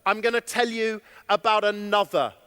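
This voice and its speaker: A man giving an animated conference keynote from a stage, chatting with and questioning his audience. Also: high-pitched, moderate pace, clean tone. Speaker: keynote speaker. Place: stage in a large hall. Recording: long hall reverb.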